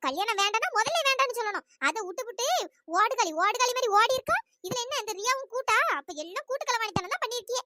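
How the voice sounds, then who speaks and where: A woman's voice: extremely high pitch, expressive, fast talker, very noisy. A woman voicing a middle-aged aunt in a cartoon story, scolding harshly and throwing insults.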